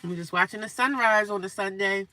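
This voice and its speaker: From a car parked beside a highway, a woman chats casually with viewers on a live stream, repeating herself and reading comments out loud. Her voice is medium-pitched and a little fast, with faint traffic noise behind her.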